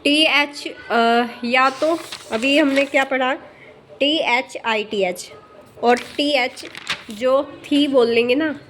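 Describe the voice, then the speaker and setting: A woman teaching shorthand in a casual spoken lesson, explaining slowly with many fillers and checking in often, her voice dropping softer as she writes. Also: high-pitched, slight background noise.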